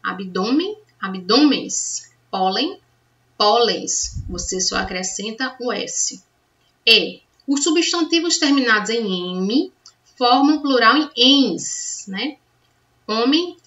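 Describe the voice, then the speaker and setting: A woman's voice: a little high, lively intonation, takes it slowly, pushed and bright. A woman teaching a grammar lesson, patiently checking understanding with the class as she goes. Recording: distant, dull lo-fi sound.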